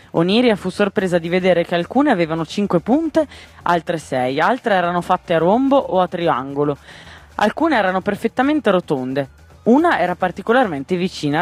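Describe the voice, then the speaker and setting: High-voiced man reading a storybook. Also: big pitch swings, moderate pace, no echo, faint music behind.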